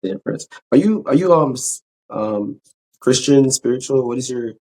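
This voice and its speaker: A man's voice: medium pitch, lively intonation, moderate pace, darkish tone, poor audio. A man hosting a podcast, asking questions in a chatty, hesitant way with restarts. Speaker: podcast host. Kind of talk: casual interview.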